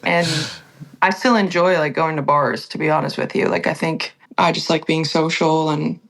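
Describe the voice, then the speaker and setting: A woman's voice: low voice, steady tone, moderate pace, gravelly, poor audio. A woman singer-songwriter talking candidly in a casual podcast conversation, full of "like" fillers. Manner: chatty, lots of "like" fillers, candid.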